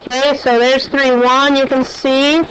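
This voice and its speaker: A woman's voice: high-pitched, flat delivery, measured pace, fairly bright tone, a little hiss or hum. A woman math teacher lecturing a class and quizzing her students with questions as she goes. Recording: dull, lo-fi classroom recording.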